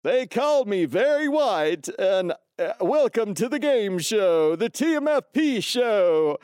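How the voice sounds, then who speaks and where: A man doing a chirpy, squeaky game show host. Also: big pitch swings, takes it slowly, a little mellow, smooth, no room sound, clean studio sound, full character voice. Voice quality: high, chirpy, sing-song. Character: perky, overeager male game show host.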